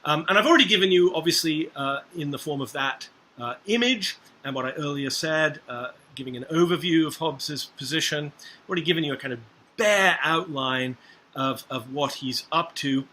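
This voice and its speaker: Bright-voiced hesitant male lecturer. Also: a little high, normal speed, a little hiss or hum. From Scotland. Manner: hesitant, many filler sounds and tag questions. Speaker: university lecturer. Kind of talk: university lecture.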